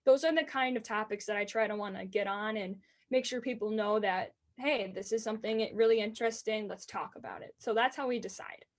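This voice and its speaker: Speaking in rapid spurts, a high-pitched young woman of eighteen eagerly and sincerely responds to an interviewer's questions about her work announcing races.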